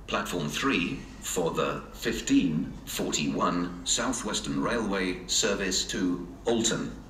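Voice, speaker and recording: A man making measured train announcements, heard over a station public address loudspeaker on a railway platform. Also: low-pitched, distant mic. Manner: measured, even announcing delivery. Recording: echoey loudspeaker heard from afar, noisy.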